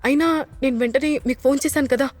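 A woman's voice: high-pitched, steady tone, quick pace, a little mellow, dry recording, soft background music, lightly acted. Woman playing a haughty schoolteacher. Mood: flustered. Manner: flustered then haughty. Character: defensive, arrogant female schoolteacher.

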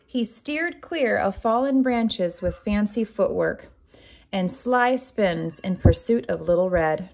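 Reading a picture book to children, this woman teacher uses a mid-range, gravelly voice and an expressive, deliberate delivery. The audio quality is poor.

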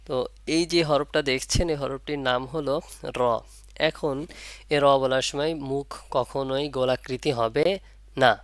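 A man's voice: mid-range voice, no room sound. A man teaching Arabic letters for Quran reading, repeating each point and asking his pupils questions. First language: Bengali. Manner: drawn-out demonstration of letter sounds. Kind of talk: online Arabic letter lesson.

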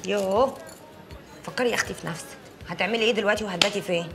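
A woman's voice: mid-range voice, very fast, faint music behind, lightly acted. An actress with an Egyptian accent playing a blunt, nagging young woman friend.

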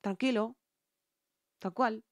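A woman's voice: fairly high pitch, fairly even intonation, takes it slowly, no echo, clean studio sound. A young Spanish woman with an accent from Spain, a singer chatting through a song reaction and analysing the vocals, checking in with her viewers.

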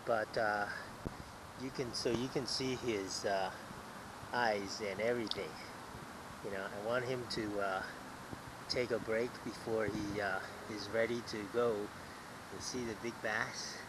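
A man filming himself fishing, talking in a halting way with many fillers and repeated words, recorded outdoors on a head-mounted camera. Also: on the low side, fairly even intonation, background noise. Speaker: angler filming his catch. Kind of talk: casual fishing vlog narration. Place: outdoors at a pond bank. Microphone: head-mounted action camera.

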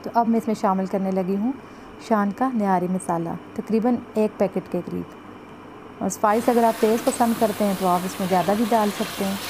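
A Pakistani cooking vlogger walks through a recipe step by step in her home kitchen, chatting as she cooks and pointing to the pot. She keeps saying "jo hai" and "ye dekhein" in a mid-range, fairly even voice at a moderate pace, with a noisy background.

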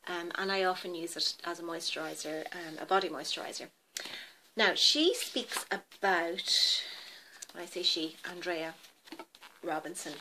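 Chatty, lower-pitched woman vlogger. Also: bright, forceful tone, slight background noise. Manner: chatty and rambling, often pausing to check product names. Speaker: beauty vlogger. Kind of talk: casual chat showing products to camera.

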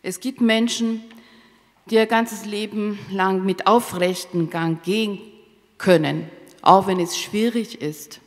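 Working as a consecutive interpreter, a careful woman renders a eulogy solemnly into a microphone on a stand, standing on a theatre stage in an echoing hall. She speaks in a steady, mid-range voice, in brief, halting phrases that she often rephrases.

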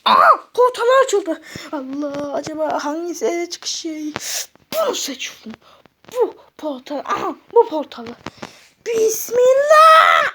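A goofy, easily rattled male cartoon character, voiced by a woman. The voice sits extremely high and squeaky, full of loud exclamations. He swings between panic and giggles. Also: expressive, unhurried, background noise, exaggerated voice. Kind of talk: cartoon voice acting.

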